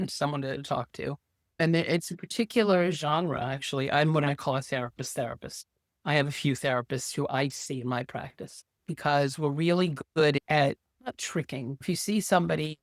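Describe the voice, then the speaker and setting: A woman's voice: low-pitched, dry recording, studio quality. A woman in her sixties, a therapist and guest, telling stories in a casual, emphatic interview conversation. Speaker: podcast guest, social worker and therapist.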